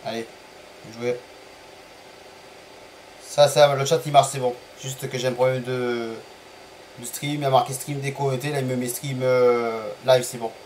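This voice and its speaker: Chatty French streamer, excited match calls. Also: male voice, mid-range voice, measured pace, pauses often, slight background noise, low-quality recording. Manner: chatty, apologetic about stream bugs, excited calls of goals and penalties. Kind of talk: live gameplay commentary.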